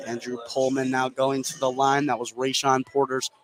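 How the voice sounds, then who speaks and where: With a crowd audible behind him, a man at medium pitch calls a basketball game for radio in a flat tone at normal speed. The live broadcast comes from courtside in an indoor high school gym, full of loud gym ambience.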